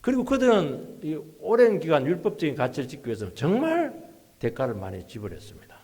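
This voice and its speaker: A male pastor preaching a sermon, swinging between hushed asides and loud, emphatic rises, in a church sanctuary. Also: fairly high pitch, huge pitch swings, fairly quick, breathy edge.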